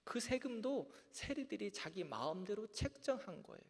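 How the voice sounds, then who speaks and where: A man's voice: high-pitched, sing-song, moderate pace. A man teaching a Bible class as a pastor, earnest, asking his listeners rhetorical questions. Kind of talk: Bible lecture to a congregation. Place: church sanctuary. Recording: long church reverb.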